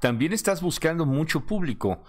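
An older man, a magazine director, interviewing a guest over a video call, asking long rambling questions with loud laughs. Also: on the high side, very animated, normal speed.

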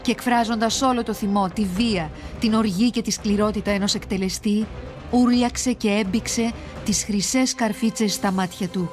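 Woman narrating a myth over soft music. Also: medium pitch. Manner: steady, measured storytelling. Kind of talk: scripted narration for a children's myth series.

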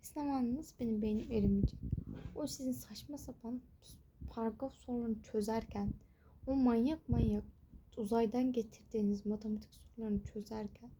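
In a casual vlog rant recorded in her bedroom, a young woman grumbles with exasperation about studying for exams. Her voice is fairly high and mellow with fairly even intonation at a moderate pace. The audio is poor, with a little hiss or hum.

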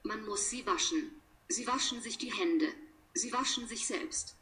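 A woman reading example sentences for a language lesson, one by one, in a measured, deliberate way with pauses between them. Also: medium pitch, bright, forceful tone. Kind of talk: slow read-aloud of example sentences.

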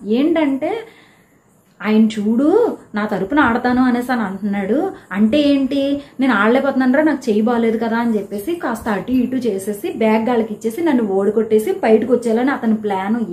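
A woman giving a casual, animated recap of a reality show episode, telling who quarreled with whom. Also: fairly high pitch, moderate pace. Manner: chatty, animated retelling of quarrels. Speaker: show reviewer. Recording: echoey room.

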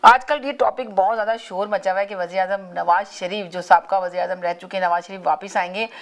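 A woman's voice: mid-range voice, steady tone, a little fast. A woman hosts a live call-in talk show, her easy to hear. She talks at length to her viewers, circling back and restarting phrases as she asks them to keep their words polite. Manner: repeats and restarts phrases while urging callers to speak politely.

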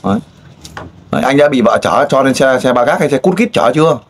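A man interviewing a guest in a casual way, pressing with pointed, teasing questions and loud exclamations. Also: medium pitch, animated, a little fast. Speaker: street interviewer.

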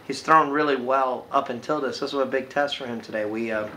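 A man in his thirties, a baseball coach giving a postgame interview, talking quickly and filling pauses with "you know". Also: mid-range voice, sharp tone, a little hiss or hum, poor audio. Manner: filler-heavy, with frequent "you know"s. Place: indoor room by large windows.

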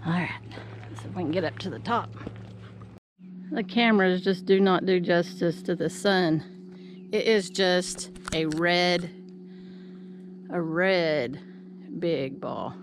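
A woman's voice: fairly low pitch, slow pace, pauses often. A middle-aged woman talking casually to her camera as she hikes, somewhat out of breath, musing aloud in short phrases. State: out of breath from climbing. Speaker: vlogger. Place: outdoors on a wooded hillside trail. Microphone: handheld camera at arm's length. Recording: outdoor trail sound with clear background noise.

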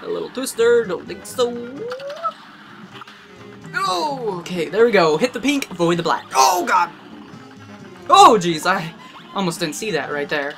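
A let's play gamer giving excitable gameplay commentary and exclaiming often while playing. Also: mid-range voice, unhurried, vocal fry, long pauses, over music.

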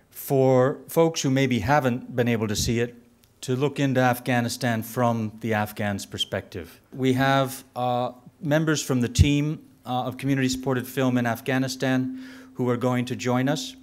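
Middle-aged moderator at a podium mic, mid-pitched voice, frequent fillers. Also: male voice, steady tone, normal speed. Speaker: briefing moderator. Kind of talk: formal introductions. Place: conference room at a podium. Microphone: podium microphone.

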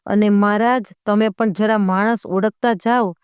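Woman reader doing a jealous Rajput husband, gruff, quick scolding, clear smooth voice. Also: mid-range voice, fairly even intonation, darkish tone, no room sound, natural voice.

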